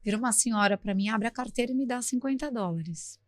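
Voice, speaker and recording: A woman's voice: a little high, quick pace, dry recording, studio quality. Talkative woman telling a story. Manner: lively, talkative storyteller with sound effects. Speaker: podcast guest. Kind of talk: storytelling in a podcast interview.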